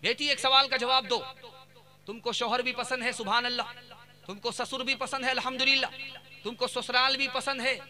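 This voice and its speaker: A man voicing a gentle mother who gives earnest, repeated advice to her married daughter. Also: very high-pitched, steady tone, a little fast, soft background music, exaggerated voice. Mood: tender counsel. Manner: earnest, repetitive counsel.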